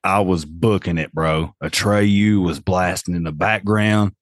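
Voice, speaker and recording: A man's voice: sits low, fairly even intonation, unhurried, dry recording, studio quality. A man with an Appalachian accent telling a story casually on a podcast, in a folksy, slangy way. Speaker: podcast host.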